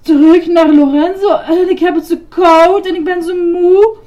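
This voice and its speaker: A woman voicing a fussy, put-upon little male mail carrier in a storybook, with a whiny, squeaky voice. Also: steady tone, normal speed, dark tone. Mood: weepy.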